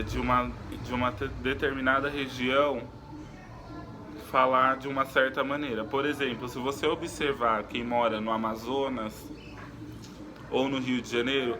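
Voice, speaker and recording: A man with a mid-range voice teaches a recorded lesson, explaining things unhurriedly and pausing often with fillers and restarts.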